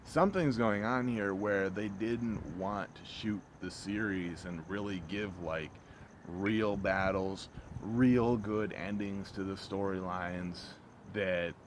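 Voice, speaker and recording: Man, low-pitched voice, casual exasperated rant, rambling and halting, repetitive, heavy swearing, noticeable outdoor background noise. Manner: rambling, repetitive, halting, often trailing off mid-phrase; blunt, profane, exasperated. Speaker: vlogger reviewing a TV episode. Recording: clear background ambient noise.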